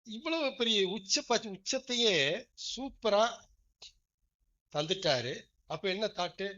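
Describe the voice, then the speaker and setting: High-voiced emphatic male preacher, dull recording. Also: big pitch swings, takes it slowly. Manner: emphatic, swings from low asides to loud stressed phrases; questions the congregation often. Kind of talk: sermon.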